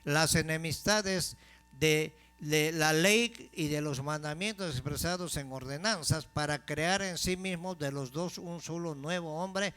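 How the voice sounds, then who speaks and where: A man preaching a sermon as pastor, asking the congregation questions and slowing down to stress key phrases. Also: on the high side, fairly bright tone, clean tone. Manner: call-and-response questions to the congregation.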